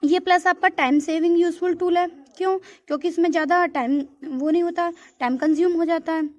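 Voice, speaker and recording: A woman's voice: extremely high pitch, steady tone, a little fast. A woman teacher giving a classroom lecture in Hindi, mixing in terms and calling her students "beta". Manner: mixes English terms into Hindi, calls students beta, repeats "theek hai". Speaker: school teacher. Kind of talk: classroom lecture explaining from a textbook.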